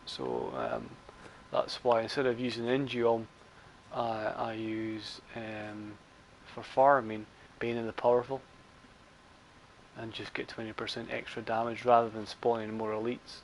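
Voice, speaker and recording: A man's voice: fairly low pitch, measured pace, a little hiss or hum, poor audio. A man giving rambling, chatty live commentary on his game stream, with dry sarcastic asides.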